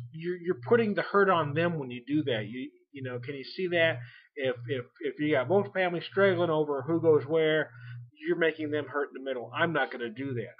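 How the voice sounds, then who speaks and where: A man in his forties chatting casually as a beer vlogger, rambling and folksy, laughing often between thoughts. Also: fairly high pitch. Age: 40s. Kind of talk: casual chat. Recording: lo-fi home recording.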